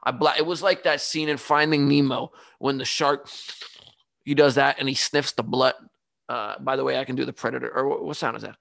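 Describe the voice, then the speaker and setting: A man hosting his own podcast, talking casually in an animated, ranting, self-mocking way. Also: mid-range voice, a little fast, creaky, no room sound. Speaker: podcast host. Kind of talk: casual solo monologue. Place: home studio.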